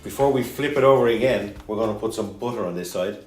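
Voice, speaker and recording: A lower-pitched man chats his way through a cooking show, joking and wandering off topic as he goes. His voice bounces around a roomy home kitchen, with faint music under it. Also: fast, a little mellow. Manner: joking, rambling, chatty. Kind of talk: casual cooking chat.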